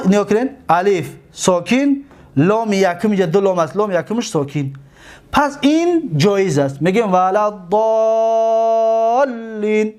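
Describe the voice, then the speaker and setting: A man with a Tajik accent teaching a seminary lesson on Arabic grammar, repeating his points patiently and drawing out each example word slowly. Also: high-pitched, a little mellow.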